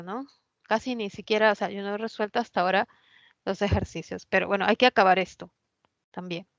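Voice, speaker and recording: A woman's voice: a little high, fairly bright tone, no echo, lo-fi sound. A woman teaching a spelling lesson. She explains the rules step by step and keeps checking that the class follows. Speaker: language teacher. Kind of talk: pre-university spelling lesson.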